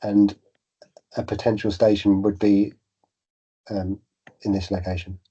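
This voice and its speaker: Male meeting presenter with a heavy cold: muffled, congested and dark-toned, hesitant delivery, flat intonation, lo-fi sound. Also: lowish voice, unhurried, slightly rough. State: has a bad cold. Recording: dull, lo-fi meeting audio.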